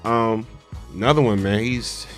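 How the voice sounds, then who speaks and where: Low-voiced man, casual morning radio banter. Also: unhurried. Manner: colloquial, emphatic repetition. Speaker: morning radio show co-host. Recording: music playing behind. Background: music.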